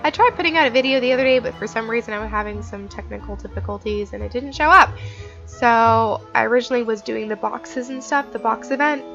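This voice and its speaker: Gamer girl narrating a walkthrough, kinda high voice, chatty, headset mic, faint music. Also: fast talker, creaky, a bit bright, muffled recording. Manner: chatty, informal, thinking aloud. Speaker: gaming video host. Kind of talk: casual game walkthrough commentary.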